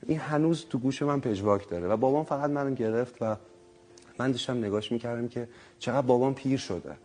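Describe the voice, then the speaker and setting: A man, telling his life story casually, lively and self-mocking, often laughing. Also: medium pitch. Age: 30s. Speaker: guest.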